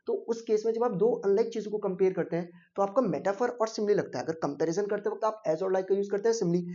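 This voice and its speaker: Male English tutor explaining fast for exam prep, warm low-lit tone, slightly lo-fi sound. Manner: mixes Hindi and English, quizzes students with rhetorical questions. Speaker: English teacher.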